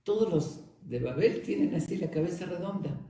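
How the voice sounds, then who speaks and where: A man's voice: high-pitched, animated, moderate pace, dark tone, distant mic, slight background noise, voice pushed up. A rabbi voicing a pushy young man who needles a sage with silly questions, in an echoey room. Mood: needling. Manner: needling, mock-innocent questions.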